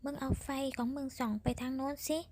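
A woman voicing a frightened young man exploring a dark house, with urgent hushed calls. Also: high-pitched, fairly even intonation, brisk. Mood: tense urgent. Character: young man, a scared ghost-hunting friend.

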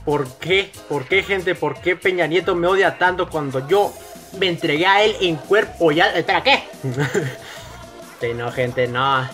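Bright-voiced young Mexican gamer. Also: male voice, fairly high pitch, moderate pace, faint music behind. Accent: northern Mexican. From northern Mexico. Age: young adult. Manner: joking, crude, rambling. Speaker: gaming YouTuber. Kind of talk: casual gameplay commentary. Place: home room at night. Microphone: headset.

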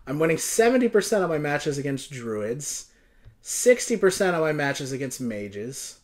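A man's voice: fairly high pitch, sing-song, moderate pace. A young man giving casual, slangy live game commentary to viewers, moving between exclaiming and muttering. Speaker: video game streamer. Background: game music.

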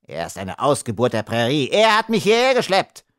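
A man's voice: medium pitch, big pitch swings, moderate pace, dry recording, studio quality, natural voice. A male narrator voicing a tiny, frightened male arms trader who whines and shrieks his complaints in an audiobook. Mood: angry shrieking. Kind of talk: audiobook character voice.

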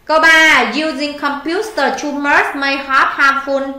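A high, bright woman's voice with a Vietnamese accent, patiently quizzing a student through an English test. She prompts each answer, confirms it and explains the grammar. The sound is echoey, as if recorded in a bare room. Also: little pitch movement, measured pace. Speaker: English tutor. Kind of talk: one-on-one tutoring, going through a test.

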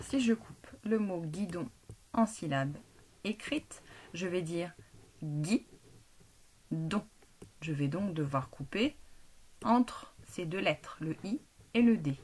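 A woman teacher giving a phonics lesson to a young child, speaking slowly and clearly and guiding each step. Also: on the low side, animated, a little mellow, a little hiss or hum.

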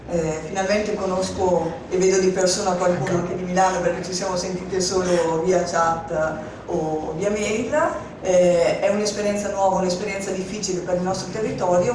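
A woman's voice: fairly low pitch, noisy background. A woman community organizer introducing herself earnestly. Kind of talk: self-introduction. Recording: echoey hall, mic far off.

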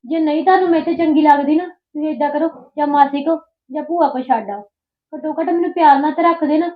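A woman's voice: high voice, quick pace, close to an everyday voice. A young woman, playing a spoiled, sulky younger sister-in-law who complains a lot. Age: early 20s. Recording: dull lo-fi sound.

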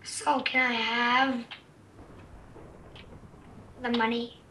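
High, bright, excitable girl far from the mic. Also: drawn-out words, a little hiss or hum. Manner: excitable, stammering, repeats words. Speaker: gamer uploading a multiplayer session. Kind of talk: casual gameplay chat.

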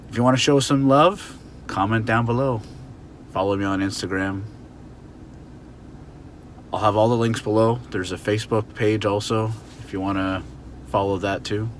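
Low-voiced man teaching English casually. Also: a little slow, pauses often, a little hiss or hum. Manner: chatty, acts out little example scenes. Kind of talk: casual video lesson. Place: outdoors near a car.

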